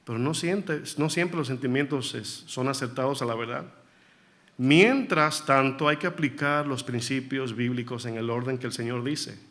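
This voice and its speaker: A man's voice: medium pitch, normal speed, a bit bright. A male pastor preaching a sermon in a conversational, storytelling way, with frequent rhetorical questions to the congregation.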